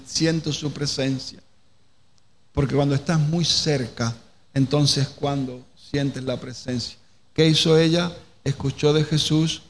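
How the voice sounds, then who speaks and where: A pastor from preaching a sermon, asking the congregation questions and repeating phrases as he works toward each point. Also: on the high side. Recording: reverberant hall with faint noise.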